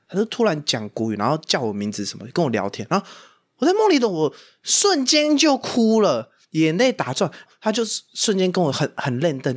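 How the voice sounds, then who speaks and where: Animated, fast-talking young man. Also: a little high. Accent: Taiwanese Mandarin. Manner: animated storyteller, laughs a lot. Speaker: podcast host. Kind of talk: casual chat.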